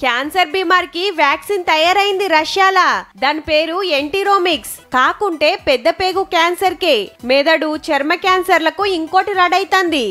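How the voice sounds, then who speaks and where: Very high-voiced woman explaining news in dialect. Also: moderate pace, pushed and bright. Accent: Telangana Telugu. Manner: chatty, explanatory. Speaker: satirical news presenter.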